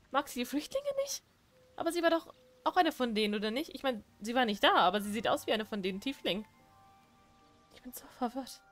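A woman giving casual, exasperated commentary while playing a video game, often saying how confused she is. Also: high voice. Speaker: gameplay streamer. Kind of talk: casual let's-play commentary.

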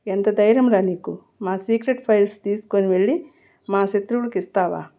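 A man's voice: fairly quick, mellow. A woman reading a menacing mafia boss. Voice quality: deep bass voice. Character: ruthless male mafia boss, cold and menacing. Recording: muffled lo-fi recording.

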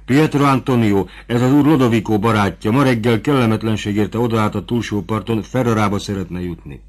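A man reading an audiobook, voicing a kind, caring innkeeper's wife in a raised, gentle voice. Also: lowish voice, natural voice. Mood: explaining. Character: kind, warm-hearted innkeeper's wife, adult woman.

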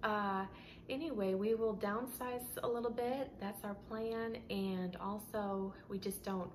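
A woman's voice: medium pitch, slight background noise. A woman, chatting to camera about her home in a casual, rambling way full of fillers and restarts. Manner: chatty, many fillers and restarts, says "y'all". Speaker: home decor vlogger. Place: home interior, indoors. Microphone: camera framed at chest height, close.

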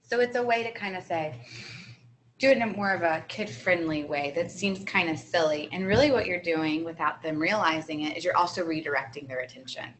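A woman co-presents a training seminar, and her voice has a bright, forceful edge. She explains classroom strategies in an upbeat, clear way. Faint hiss sits under the recording. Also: on the low side, brisk, rough recording. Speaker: early childhood trainer.

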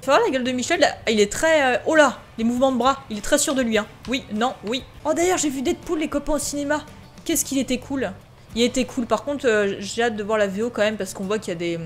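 A woman's voice: fairly high pitch, a little fast, soft background music. A woman casually commentating a farming game, chatting straight to her viewers and reading the game's prompts aloud. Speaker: gaming video host. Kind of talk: casual let's-play commentary.

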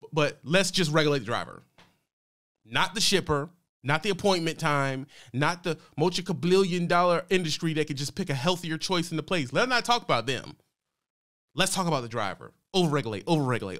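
A man's voice: on the high side, fairly bright tone. A man streaming, reacting to a clip and ranting heatedly, talking back at it and calling people bro and man. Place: home streaming room.

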